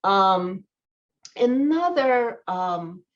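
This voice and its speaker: Slow, hesitant woman giving a talk. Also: medium pitch, animated, muffled recording. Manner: hesitant, many pauses and ums. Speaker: speaker at a college event. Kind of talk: prepared talk to an audience.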